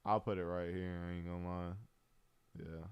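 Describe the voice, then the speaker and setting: Male streamer, relaxed rambling delivery, very deep and smooth, dry close mic. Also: moderate pace, dry recording, dull audio. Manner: laid-back, rambling, frequent "um" and slang. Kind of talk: casual tier-list commentary.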